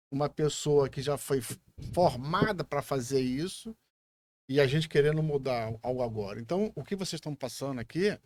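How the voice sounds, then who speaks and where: A man's voice: on the high side, dry recording. Reflective Brazilian man hosting a podcast. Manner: reflective, hesitant, thinks aloud. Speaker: podcast host. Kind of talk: casual podcast conversation.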